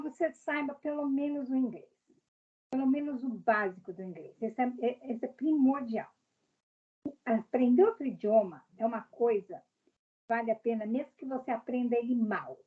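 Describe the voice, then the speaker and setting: A woman's voice: a little high, normal speed, breathy edge, narrow, tinny audio. A woman from Brazil, a guest in a casual interview, speaking directly and explaining her views with examples.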